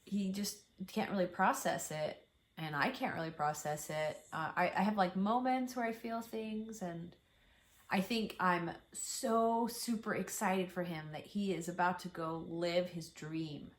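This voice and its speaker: Low-voiced woman, emotional and candid. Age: middle-aged. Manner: emotional, halting, candid about her feelings. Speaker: mother and family vlogger. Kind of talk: casual, heartfelt vlog chat.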